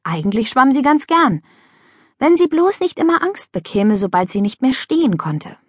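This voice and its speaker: Expressive woman narrating a children's audiobook. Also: high-pitched, normal speed, husky, no room sound, clean studio sound. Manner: lively, expressive storytelling.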